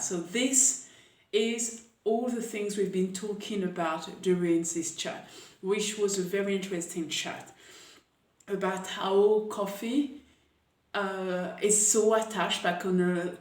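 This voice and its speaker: A woman from Paris, hosting a casual coffee chat and talking with many hesitant pauses. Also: lowish voice, darkish tone. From Paris, France. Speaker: coffee camp host. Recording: echoey room, voice a bit far from mic.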